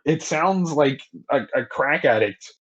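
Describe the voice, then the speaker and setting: A young man co-hosting a podcast in casual chat, retelling things in a rambling, profane way and slipping into quick mock voices. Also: a little high, animated, a bit bright. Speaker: podcast co-host. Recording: slightly dull lo-fi audio.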